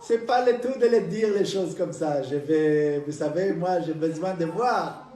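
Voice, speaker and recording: A man voicing a cunning woman of ninety-five in a high, wavering falsetto with a drawn-out, sing-song delivery. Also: dark tone, natural voice. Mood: coaxing. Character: cunning 95-year-old woman, sly gambler. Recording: roomy, from a distance.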